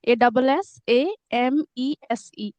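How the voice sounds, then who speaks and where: A woman's voice: on the high side, unhurried, dry recording, lo-fi sound. A woman with an Assamese accent, native Assamese speaker, chatting over a video call and explaining carefully, sometimes spelling words out. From Assam, India. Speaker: conversation partner. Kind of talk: casual chat.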